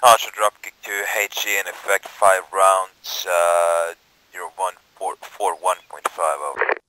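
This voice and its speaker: A man's voice: sits low, flat delivery, measured pace, bright, forceful tone, dry recording, poor audio. A man giving clipped, procedural military radio calls as a forward observer in a game.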